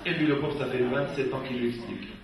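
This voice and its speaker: A rabbi gives a humorous talk to a dinner audience, telling stories in a lively way and acting out the people he quotes. His medium-pitched voice is fast, with vocal fry, and crowd noise can be heard. The mic is distant in an echoey hall, with faint noise.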